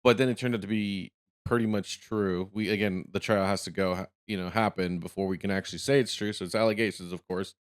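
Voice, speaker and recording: A man's voice: on the low side, steady tone, fast talker, clear, resonant tone. A man giving casual reaction commentary with chatty, rambling asides. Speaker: streamer reacting to a video.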